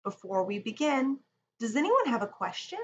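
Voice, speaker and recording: A children's yoga teacher leads a read-along yoga lesson, reading a picture book aloud expressively and giving young children simple, encouraging instructions. Her voice is on the high side and sing-song at a moderate pace, with the highs cut off. It's recorded in an echoey room with a distant mic and background noise.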